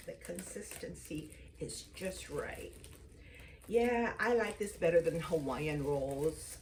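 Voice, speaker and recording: A woman in her fifties whose first language is Tagalog hosts a chatty vlog, casually talking and slipping into whispered asides. Her voice is lowish and far from the mic, with a noisy background.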